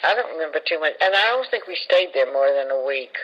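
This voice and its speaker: A woman's voice: low-pitched, expressive, quick pace, a bit bright. An older woman from Jacksonville, Florida, sharing family memories and chiming in to finish sentences in a casual chat. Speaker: family storyteller. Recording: dull lo-fi recording with faint hiss.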